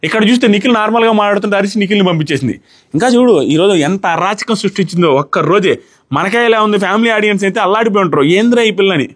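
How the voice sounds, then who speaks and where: A man giving an animated, exasperated review of a reality show episode, often mimicking contestants. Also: high voice, rapid-fire.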